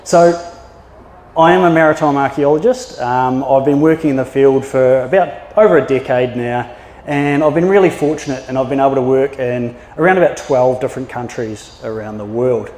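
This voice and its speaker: A New Zealand-accented man in his thirties, a maritime archaeologist, gives a chatty, anecdotal public presentation full of fillers and restarts. His voice is medium-pitched and a little mellow at a moderate pace, recorded in a yacht club function room that sounds like an echoey hall with long reverb.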